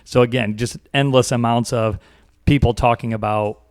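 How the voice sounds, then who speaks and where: A man's voice: medium pitch, steady tone, moderate pace, smooth, no echo. Male podcast co-host, casual and rambling, repeats himself mid-thought; dry, close recording. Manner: rambling, repeats words as he thinks aloud.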